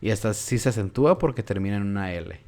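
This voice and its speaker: Young mexican guy teaching a class, kinda low voice, laid back, says words over and over to show the stress. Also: fast talker. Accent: Mexican Spanish. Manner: relaxed, explanatory, repeats words aloud to show stress. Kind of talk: casual online class.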